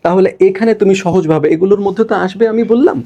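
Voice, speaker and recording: A young man from Bangladesh teaching an exam-prep lecture, explaining step by step and checking in with students, slowing and stretching words as he writes on the board. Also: sits high, warm tone.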